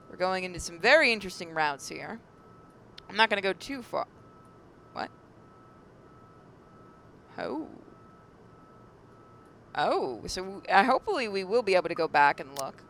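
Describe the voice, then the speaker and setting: Reading visual novel text aloud with casual commentary, the gaming host has a creaky, mid-pitched voice that sounds a bit bright, occasionally tripping over and repeating words. A clearly noisy mic adds a noticeable low rumble throughout.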